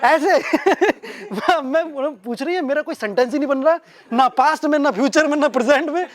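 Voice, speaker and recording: A man's voice: extremely high pitch, moderate pace. Young man from doing stand-up. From Uttar Pradesh, India. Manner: animated, self-mocking anecdote telling. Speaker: stand-up comedian. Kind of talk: stand-up storytelling.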